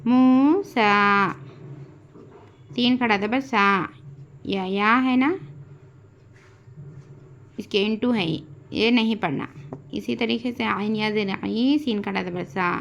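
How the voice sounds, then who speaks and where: A woman with an Urdu accent teaching Quran reading, spelling out letters and vowel marks in a slow, drawn-out recitation lesson. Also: medium pitch, creaky. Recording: dull lo-fi home recording, faint hiss.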